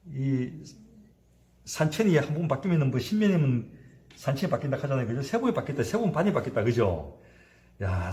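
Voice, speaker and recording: A man's voice: mid-range voice, a little mellow. A man in his fifties, a cooking instructor giving a hands-on sushi demonstration, chatty and constantly asking his class to agree.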